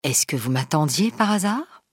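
A woman's voice: low-pitched, sing-song, moderate pace, breathy edge, dry recording, studio quality, exaggerated voice. A woman voicing an ironic, wary French king who speaks frankly to his new wife. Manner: ironic, probing.

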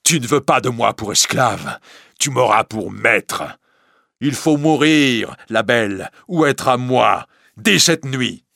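A man's voice: fairly low pitch, expressive, unhurried, vocal fry, bright, forceful tone, husky, no room sound, clean studio sound, heavily acted. A man reading a story aloud, voicing a tormented, obsessive male priest who pleads and threatens with passion. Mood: desperate threatening. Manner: passionate, pleading then menacing.

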